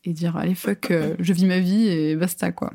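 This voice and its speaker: A woman's voice: on the low side, fairly even intonation, moderate pace, creaky, mellow. A woman in her twenties, a podcast guest, talking casually with many fillers and frequent laughs. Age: 20s. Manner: chatty, lots of fillers, laughs often. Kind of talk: casual chat.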